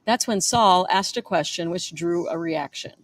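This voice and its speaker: Woman, author reading her own memoir; fairly low voice, chatty delivery with offhand asides and quick self-corrections. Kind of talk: reading a memoir chapter aloud.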